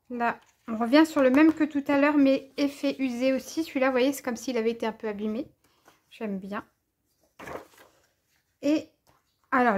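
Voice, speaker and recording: A French woman showing off craft paper and stickers in a casual, enthusiastic haul video, gushing over each item. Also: high-pitched. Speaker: crafting vlogger.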